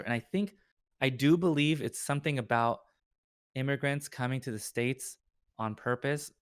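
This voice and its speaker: A man's voice: medium pitch, clean tone, no echo. Young guy, podcast guest, loose rambling chat, lots of "like", bounces into quoted voices, dead-dry close mic. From Orange County, California. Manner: rambling, heavy use of "like" and "right?"; acts out other people's voices in quotes. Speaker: guest, lawyer and streamer.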